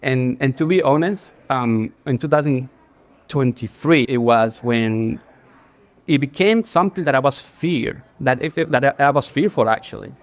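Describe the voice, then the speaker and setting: In a casual interview on a bar stage before a live audience, a creative director in his forties from Ecuador speaks as the guest. His medium-pitched voice moves at a moderate pace and carries an Ecuadorian Spanish accent. He keeps an earnest tone amid frequent fillers and restarts.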